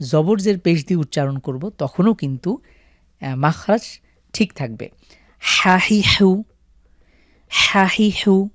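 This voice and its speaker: A man's voice: fairly high pitch, a little mellow, no echo, studio quality. A man with a Bangladeshi Bengali accent teaching Quran reading, patiently explaining and chanting syllable drills aloud. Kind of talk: step-by-step recitation lesson.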